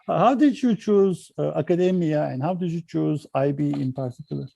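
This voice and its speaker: A man's voice: fairly high pitch, normal speed, gravelly, warm tone, no room sound, lo-fi sound. A man hosting an interview, reading a guest's credits and then asking questions, with some hesitant fillers. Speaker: interview host.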